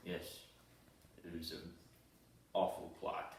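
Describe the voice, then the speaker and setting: A man's voice: low-pitched, completely flat delivery, slow, a little mellow. A young man testifying as a witness in an improvised mock trial, hesitant and full of fillers. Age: young adult. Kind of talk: improvised comedy sketch. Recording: roomy echo, distant mic.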